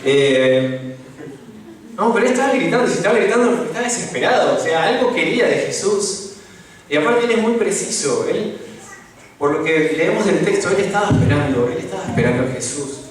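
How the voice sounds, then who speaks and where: A man's voice: high-pitched, animated, brisk, a little hiss or hum. A young man with a Rioplatense Spanish accent giving an informal, conversational sermon, often asking the congregation questions. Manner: conversational, asks the congregation questions, many tag questions. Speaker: lay preacher. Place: church hall. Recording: echoey church recording from a distance.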